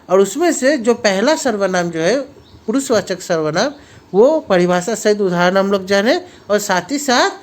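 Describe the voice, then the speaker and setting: A man teaching a school grammar lesson to children, patient and repetitive, reading examples out slowly with frequent filler phrases. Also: high-pitched.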